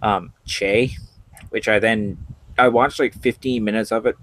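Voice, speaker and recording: Low-voiced joking man in casual chat. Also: fairly even intonation, a little slow, fairly bright tone. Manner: joking, offhand, hesitant fillers. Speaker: podcast co-host.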